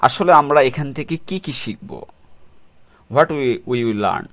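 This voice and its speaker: A man's voice: on the high side, expressive, takes it slowly, fairly bright tone. A man with a Bangladeshi accent, teaching English vocabulary in a tutorial, who poses rhetorical questions and mixes in English terms. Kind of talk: explanatory tutorial talk.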